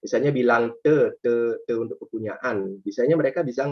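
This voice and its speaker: A man, a tour guide, talks through his answers in a casual, hesitant way, full of fillers and restarts, and he livens up when he mimics his guests. His voice sits at an ordinary middle pitch, and the recording sounds slightly dull and lo-fi. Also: fairly quick.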